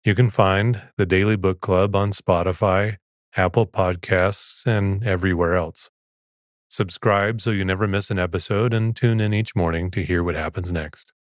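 A man reads as a sleep podcast host in a low-pitched voice. His delivery is soothing, calm and unhurried, clearly scripted. The sound is dry, with no room around it. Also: no echo.

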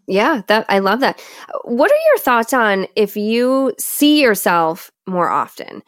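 A woman's voice: fairly high pitch, big pitch swings, slow, no echo, clean studio sound. Candid woman with a Great Lakes Michigan accent. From Michigan, United States. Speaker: interviewer. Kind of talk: casual, personal conversation.

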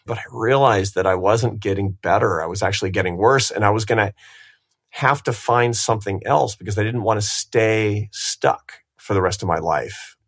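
A man's voice: on the low side, moderate pace, fairly bright tone. A man in his fifties hosting a podcast, telling his story in a reflective, self-deprecating way. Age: 50s. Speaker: podcast host.

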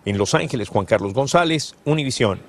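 A man reporting a news story as a television correspondent, in a measured scripted delivery. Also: mid-range voice, animated.

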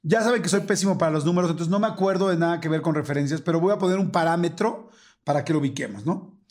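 A man in his forties with a Mexican accent, hosting a casual podcast and telling a personal story with animated, acted-out dialogue. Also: a little high, fast. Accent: Mexican Spanish. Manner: animated, acts out dialogue in quoted voices. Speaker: podcast host.

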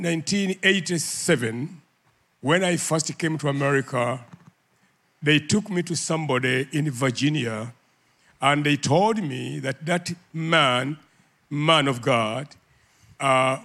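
An older man from Uganda telling a story in an interview, animated and laughing often. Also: fairly high pitch. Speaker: guest, ministry leader.

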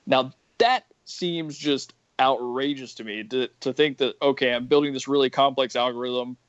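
A man's voice: mid-range voice, moderate pace, no echo, highs cut off. A man co-hosting a podcast, reading a news story aloud and then commenting on it in casual chat. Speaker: podcast co-host.

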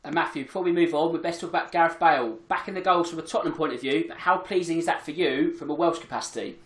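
Fast-talking man hosting, roomy sound. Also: on the high side. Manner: steers the talk, brisk segues. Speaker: host. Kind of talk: casual football chat. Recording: roomy echo.

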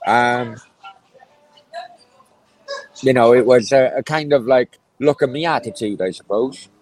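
A man's voice: mid-range voice, darkish tone, no room sound, faint music behind, poor audio. Valleys welsh guy in his 40s chatting in an interview, stop-start and thoughtful, really dry recording. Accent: South Wales Valleys. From Merthyr, South Wales. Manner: halting, hesitant delivery with many pauses. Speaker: interview guest, former councillor. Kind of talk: reflective casual interview answers.

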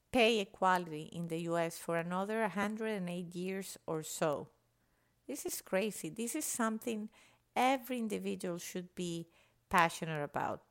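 A woman's voice: medium pitch, fairly bright tone. A woman from Venezuela, speaking passionately and emphatically in a podcast monologue. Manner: passionate, emphatic, citing statistics. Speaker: podcast guest.

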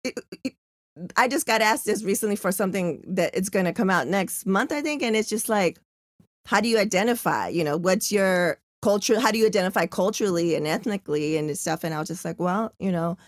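A woman podcast host in relaxed conversation, with a mid-range voice recorded close and dry. She talks informally and slangily, checking in with her listener as she goes. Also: medium pitch, brisk, no room sound. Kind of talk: casual conversational interview.

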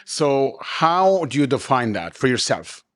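A man hosts a conversational interview, courteous in tone. He probes his guest with quick follow-up questions and keeps the talk moving. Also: mid-range voice, very animated, a bit bright. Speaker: podcast host, interviewer.

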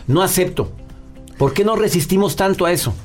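A man hosting a podcast, talking in a warm, coaxing way and often repeating words. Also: high-pitched, lively intonation, brisk, soft background music. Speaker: podcast host. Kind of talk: casual advice talk. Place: studio booth.

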